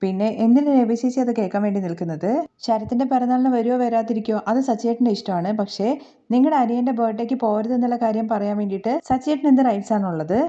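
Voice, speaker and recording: A woman's voice: on the high side, dark tone, muffled recording. A woman with a Keralan accent casually retelling a TV serial episode, running the characters' lines together with her narration. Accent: Keralan Malayalam. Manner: brisk retelling with tag words and quoted dialogue. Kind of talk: casual spoken episode recap.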